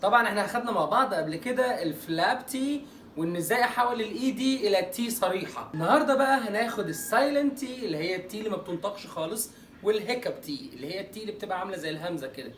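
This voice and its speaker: A man with an Egyptian Arabic accent teaching English pronunciation in an online lesson. He jokes playfully and draws out example words slowly. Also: high voice, animated, a bit bright, roomy sound, recorded from a distance, slight background noise.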